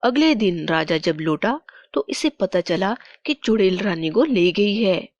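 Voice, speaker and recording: A woman narrating a bedtime cartoon story in a slow, deliberate way. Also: mid-range voice, animated, darkish tone, dry recording, highs cut off.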